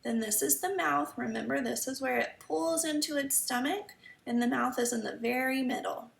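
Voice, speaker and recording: A woman reading a picture book aloud to children like a kids show host, stopping to ask questions and explain simply, with a creaky voice. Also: sits high, normal speed. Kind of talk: children's story time read-aloud lesson. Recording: roomy echo, slightly distant mic.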